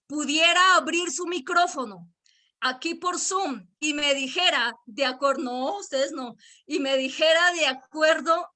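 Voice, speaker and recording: High, bright-voiced Colombian woman preaching. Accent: Colombian, Boyacá. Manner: emphatic, repeating key words and quizzing listeners. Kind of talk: virtual church sermon.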